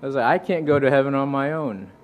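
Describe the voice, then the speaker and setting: The sound is phone-quality with a little hiss or hum. A young visiting preacher from Fiji talks fast in a mid-range voice, recounting his testimony in a church sermon earnestly and conversationally, with restarts and scripture quotations.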